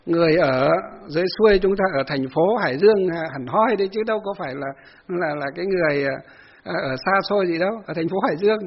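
A man's voice: high voice, quick pace, breathy edge, dull audio. A man giving a folksy Buddhist sermon, telling a story with many fillers and acted-out quotes. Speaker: Buddhist monk giving a dharma talk.

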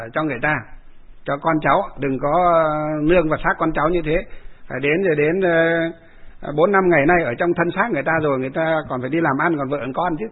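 A man's voice: on the high side, slightly rough. A man, a Buddhist monk, telling a story in a rambling way, full of fillers and repeated phrases. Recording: narrow phone-like radio sound.

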